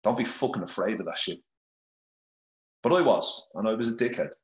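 This middle-aged Irishman speaks as a podcast guest through a phone pressed to his face, recounting his story candidly with plenty of cursing and a blunt, sincere manner. He talks a little fast and animatedly in a lowish voice, and the rough recording sounds roomy with slight background noise.

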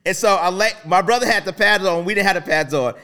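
A man in his thirties hosting a faith talk show, telling personal stories in a casual, animated way with many restarts. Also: sits high, fast, a little hiss or hum. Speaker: podcast host.

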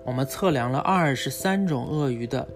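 A dad explains animals from a book to his young child, going step by step and checking in now and then with little questions in this casual educational chat. His mid-range voice has lively intonation at a normal pace, over background music.

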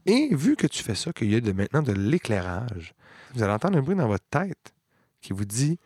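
A man's voice: mid-range voice, very animated, a little mellow, slightly rough, no echo, clean studio sound. Quebec man narrating a tabletop game. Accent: Quebec French. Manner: descriptive, unhurried storytelling with many fillers. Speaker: game master.

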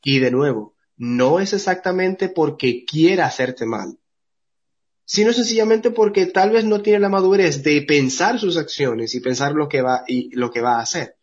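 A man's voice: a little high, normal speed, breathy edge, muffled recording. A Dominican man with a Dominican Spanish accent, co-hosting a podcast and explaining his views at length in casual discussion. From Dominican Republic. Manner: earnest, explains at length with restarts. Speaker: podcast co-host.

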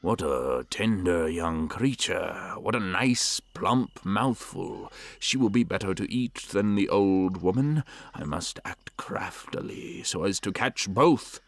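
A man voicing a wicked, sly male wolf in a storybook reading, slow and coaxing. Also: low-pitched, expressive, no echo, exaggerated voice. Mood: scheming.

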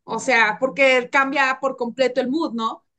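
A young Mexican woman speaking in a notably high voice, frank and playful, laughing easily as she chats on a podcast. Her talk is loose and unscripted, full of asides and teasing. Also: fairly even intonation, unhurried, sharp tone.

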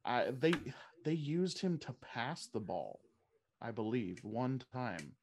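A man's voice: medium pitch, big pitch swings, slow pace, background noise. A man co-hosting a fantasy football podcast in casual chat, thinking aloud and often restarting his sentences.

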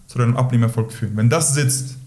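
Talking in a fast, medium-pitched voice with a darkish tone, this man, a weight-loss coach, gives direct, instructive advice on a relaxed podcast. He tends to cap his points with a brief "so," and the room echoes noticeably.

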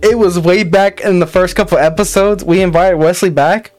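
A young man hosts a casual chat with friends, his voice sitting a little high. He rambles, restarts his sentences and swears freely as he tells stories about work. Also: steady tone, normal speed, a little mellow, faint music behind. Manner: rambling, profane, restarts often. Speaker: podcast host.

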